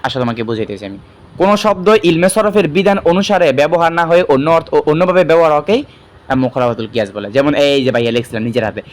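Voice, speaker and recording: A man's voice: a little high, quick pace. Man teaching a lesson. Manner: explains step by step, repeats key terms, frequent fillers. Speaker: madrasa teacher. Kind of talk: online exam-prep lesson.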